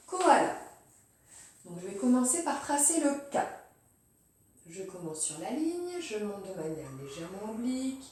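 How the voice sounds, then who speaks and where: Woman, teacher, handwriting demonstration, slow steady pace, step-by-step, mellow tone, heavy room echo, distant mic. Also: medium pitch. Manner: calm, step-by-step, narrating each pen stroke. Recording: very roomy, voice off-mic.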